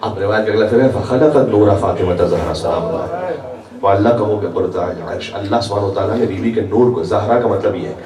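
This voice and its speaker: A man with a fairly low voice preaches a religious sermon, moving between plain explanation and slow chanted quotations. He is recorded from some distance in a large hall, and the sound comes through with a noticeable echo. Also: expressive, a crowd in the background. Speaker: guest preacher. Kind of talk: religious sermon at a majlis gathering. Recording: echoey hall picked up from far off.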